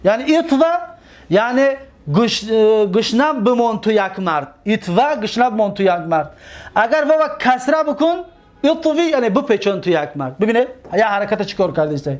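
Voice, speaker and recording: Tajik-accented male teacher, high voice, rote drilling of forms with frequent quiz questions. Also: big pitch swings. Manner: drills conjugations aloud, repeats and quizzes listeners. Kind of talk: Arabic grammar lesson.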